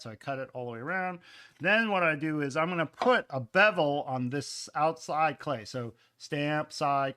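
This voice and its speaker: A man with a bright, fairly high voice talks through a pottery demonstration in his studio. He chats casually, with fillers and asides, and drifts off the mic as he moves around the room. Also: smooth. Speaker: ceramics teacher. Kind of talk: live-stream pottery demonstration.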